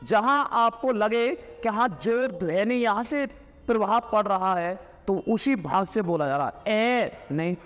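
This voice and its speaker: A man with a high voice gives a classroom lecture, sounding out vowels loudly to demonstrate them. He asks his students questions, answers them himself and dictates slowly with repeats. The room has a long, ringing reverb. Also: animated. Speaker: teacher.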